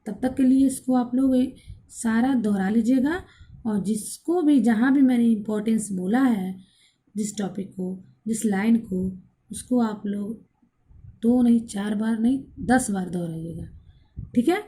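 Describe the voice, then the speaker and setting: A woman's voice: fairly high pitch, measured pace, dark tone. A woman teacher giving a grammar lesson who asks the class questions, then answers them herself and repeats each point. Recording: recorded for an online class video.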